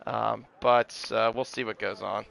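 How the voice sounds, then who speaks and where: A man's voice: fairly low pitch, little pitch movement, unhurried, vocal fry, a bit bright. A man giving live play-by-play motorsport commentary on an online race, often correcting himself as he goes. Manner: hesitant asides, self-correcting, exclaims at incidents.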